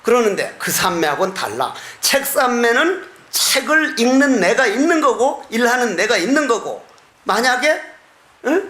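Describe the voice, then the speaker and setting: Man, Buddhist monk, sermon, very high voice, folksy and humorous, chuckling, echoey hall. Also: bright, forceful tone. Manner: folksy and humorous, chuckling, with drawn-out chanted phrases. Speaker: Buddhist monk giving a dharma talk.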